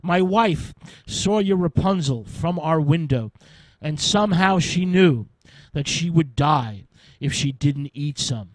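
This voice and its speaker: A frightened husband, anxious and begging, as the narrator voices him. The voice sits slightly high and moves slowly. Dry, close radio sound. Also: male voice, lively intonation, dry recording, rough recording.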